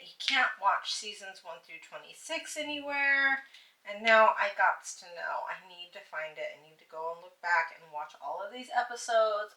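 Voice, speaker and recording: A woman co-hosting a crafting chat stream, talking in an animated, playful way and acting out voices. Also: medium pitch, a little hiss or hum. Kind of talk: casual chat. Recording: echoey room, distant mic.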